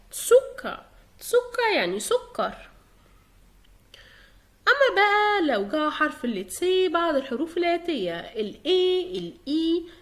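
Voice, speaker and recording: A young woman with an Egyptian Arabic accent teaching German pronunciation, patiently repeating each example word slowly. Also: extremely high pitch. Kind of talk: explanatory lesson in Egyptian Arabic.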